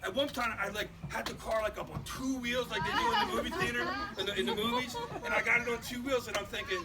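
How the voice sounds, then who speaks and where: A man and father telling a boisterous comic story live to an audience, driving toward his punchlines, recorded from a distance over a loud crowd. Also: very high voice, fast. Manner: animated, boisterous, punchline-driven. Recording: far mic, loud crowd and noise, live event.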